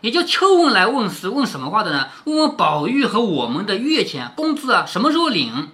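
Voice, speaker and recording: A man's voice: high-pitched, wildly swooping pitch, a little fast, pushed and bright. A man reading a classic novel aloud and explaining it, often asking rhetorical questions. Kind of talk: storytelling with explanations.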